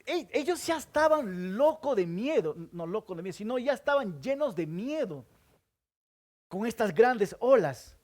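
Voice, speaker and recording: A male pastor preaches in a sing-song manner, a little slowly, asking the congregation questions that he then answers. He moves between loud emphasis and hushed, low-voiced asides.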